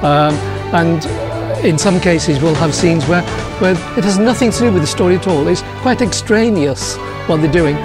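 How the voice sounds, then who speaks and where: A man being interviewed as a theatre writer-director, explaining haltingly and repeating words as he goes. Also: fairly high pitch. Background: music.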